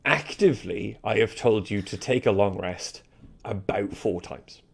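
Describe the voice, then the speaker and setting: A man's voice: lowish voice, measured pace, gravelly, husky. A man narrating and running a tabletop role-playing game as its game master.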